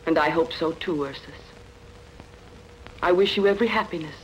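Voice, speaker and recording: A woman's voice: low-pitched, moderate pace, close to an everyday voice, poor audio. A young princess in love, a wistful and dutiful woman acted out for a film dub. She speaks in formal, tender, earnest phrases, with faint noise behind her. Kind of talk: dubbed sword-and-sandal film acting.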